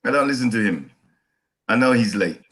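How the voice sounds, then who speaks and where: Man, guest comedian, dry teasing, lively pitch. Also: moderate pace, husky.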